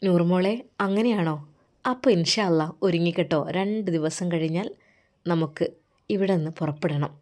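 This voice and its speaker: A woman voicing a gentle, devout cleric husband who speaks softly and reassuringly. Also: on the low side, moderate pace, lightly acted. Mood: tender. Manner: soft, reassuring.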